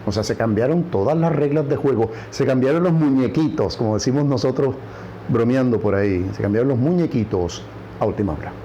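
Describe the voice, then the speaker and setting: Man, Puerto Rican accent, political commentary, emphatic, warm dark tone. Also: medium pitch, brisk, lo-fi sound, slight background noise. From Puerto Rico. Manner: emphatic, repeats key words for stress. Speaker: news commentary host.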